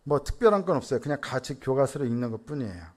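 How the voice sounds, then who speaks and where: A man's voice: mid-range voice, lively intonation, rapid-fire, a little mellow. A middle-aged man preaching a Sunday sermon. He asks the congregation questions, answers them himself, and tells stories about his family. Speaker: senior pastor.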